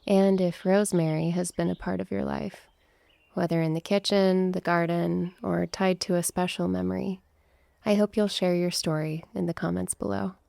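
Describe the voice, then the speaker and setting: Soft, gravelly-voiced woman guiding sleep. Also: on the low side, fairly even intonation, no echo. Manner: soft, slow and soothing, with whispered passages. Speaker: host. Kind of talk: sleep meditation narration.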